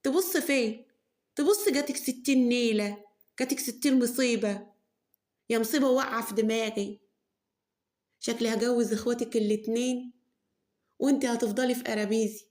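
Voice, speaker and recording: A woman voicing a sharp-tongued peasant mother with an Egyptian accent, who scolds in a shrill, nagging voice. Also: a little fast, pauses often, lightly acted. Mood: scolding. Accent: Egyptian Arabic.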